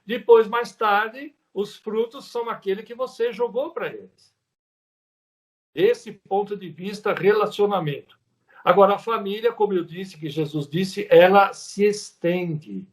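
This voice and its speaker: A man's voice: high-pitched, a little slow. A man with a Brazilian Portuguese accent giving a spiritual lecture at a spiritist center, talking conversationally and repeating words for emphasis.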